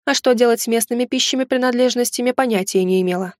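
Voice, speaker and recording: A woman narrating a first-person fantasy audiobook in a steady, measured reading. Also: fairly high pitch, dry recording, studio quality.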